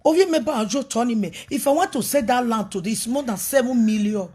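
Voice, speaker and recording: Speaking fast in a fairly high, warm, slightly rough voice, a woman who leads a ministry gives an animated live video talk. She is preachy and emphatic and blends pidgin, English and a local language.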